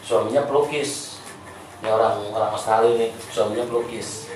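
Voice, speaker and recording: A man with a Sundanese accent teaching an informal class, chatty and halting, often repeating words. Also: fairly low pitch, fairly even intonation, a little mellow. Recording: echoey room, distant mic, faint noise.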